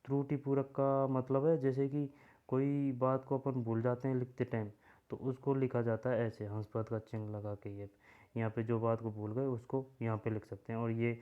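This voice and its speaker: A man's voice: mid-range voice, level tone, moderate pace. Guy teaching exam grammar, chatty, repeats stuff, muffled lo-fi audio. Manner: casual, repeats himself while writing on a board. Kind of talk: exam-prep grammar lesson.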